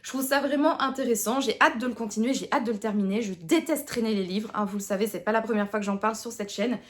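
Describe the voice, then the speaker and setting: Jeune femme de Tournai à l'accent tournaisien, voix assez haute, en vlog lecture décontracté. Elle parle comme à des amis, pleine de « euh » et de « bah », et rit facilement d'elle-même. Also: female voice, on the high side, quick pace. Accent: Tournai Picard (Belgian French). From Tournai, Belgium. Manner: chatty, many fillers and restarts, self-mocking. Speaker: book vlogger. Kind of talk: casual chat to camera.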